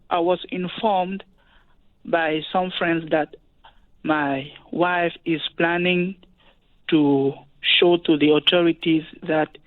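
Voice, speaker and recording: A man with a Cameroonian French accent calls in over a narrow, tinny phone line. He speaks slowly and politely, in halting English as a native French speaker. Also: fairly high pitch, no echo. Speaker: caller to a call-in show. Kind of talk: asking for advice on a live call.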